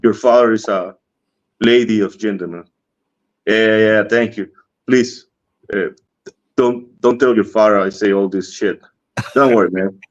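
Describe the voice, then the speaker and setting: A man with a Dominican Spanish accent and a fairly low voice tells a story in an animated, casual way, acting out both sides of the conversation. The sound is dull and lo-fi, like a streamed podcast. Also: moderate pace, long pauses. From Dominican Republic. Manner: animated, acts out dialogue, laughs often. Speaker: cigar industry guest.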